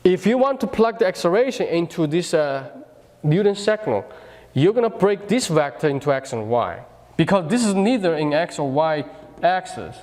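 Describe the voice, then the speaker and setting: A man's voice: on the high side, very animated, normal speed, a little mellow, long reverb tail. A man lecturing a physics class, explaining step by step and often checking with "right?", with frequent restarts. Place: lecture hall.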